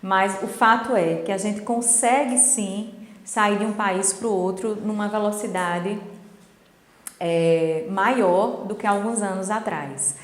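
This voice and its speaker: A middle-aged woman teaching a lesson on video, her voice set at an ordinary middle pitch. She explains step by step and keeps checking that her listeners are following. The sound is roomy, with a long reverb tail hanging after her words. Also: slow. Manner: didactic, checks in with tag questions. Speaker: English teacher.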